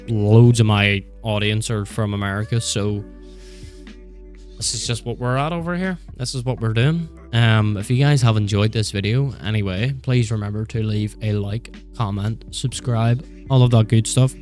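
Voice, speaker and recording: With a Northern Irish accent and a low, darkish voice, a gaming vlogger chats and rambles his way through an indoor office tour. He films it on a handheld gimbal camera.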